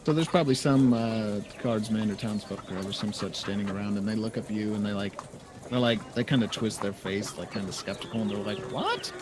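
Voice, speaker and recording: A man's voice: lowish voice, brisk. A man as dungeon master, improvising the story and explaining rules in a loose, casual way, over a noisy recording. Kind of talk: improvised tabletop game narration. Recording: noisy home podcast recording.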